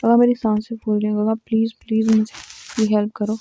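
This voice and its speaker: A woman's voice: fairly high pitch, monotone, brisk, warm tone, a little hiss or hum, close to an everyday voice. A woman voicing a lovesick young man who pleads with his beloved, repeating his pet name. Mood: pleading.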